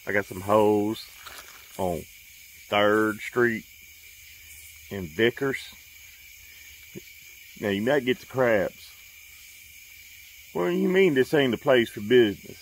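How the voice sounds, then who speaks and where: Man putting on a gruff street hustler. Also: lowish voice, slow, pauses often, slight background noise, rough recording. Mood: menacing. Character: brash threatening male street hustler.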